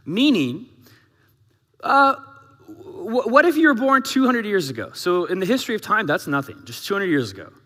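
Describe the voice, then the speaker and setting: Rhetorical questions fly at the congregation as a male pastor preaches a sermon in a lively, conversational style. His voice is high and bright, and the big church hall leaves long reverb after every phrase.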